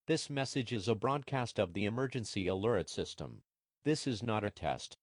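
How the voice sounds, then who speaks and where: A man's voice: lowish voice, very noisy, close to an everyday voice. A man playing an emergency alert system announcer, delivering a formal official warning. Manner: flat, official, deliberate.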